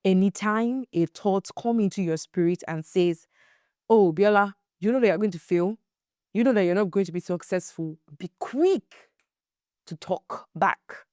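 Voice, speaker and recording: A young adult woman hosting a faith-based podcast, telling stories in a casual, animated way and acting out the quotes. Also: medium pitch, a little slow, dry recording, clean studio sound. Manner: animated storyteller, acts out quotes, emphatic repeats. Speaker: podcast host.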